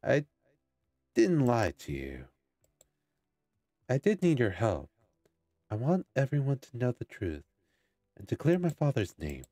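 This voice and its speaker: A man reading the lines of a grim, vengeful young man aloud, flat and slow. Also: mid-range voice, no echo, clean studio sound, pitched above the performer's own voice.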